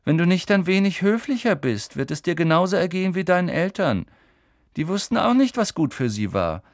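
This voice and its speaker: An arrogant schoolboy with a pitched-up, drawling voice mocks and threatens, as a male narrator puts him on. His tone swings lively and sharp, and the audiobook sound is dry and close. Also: a little fast, no room sound. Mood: sneering. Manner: drawling, mocking.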